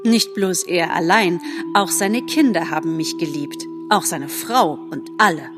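A woman's voice: on the low side, measured pace, over music, lightly acted. Gobo, a woman as a boastful young buck. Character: young male deer, boastful and earnest.

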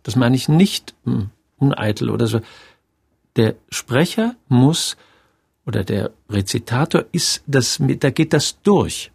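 A man's voice: mid-range voice, animated, measured pace, gravelly, darkish tone, husky. A man in his sixties, a theater director, reflecting thoughtfully and telling stories in an interview. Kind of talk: radio interview.

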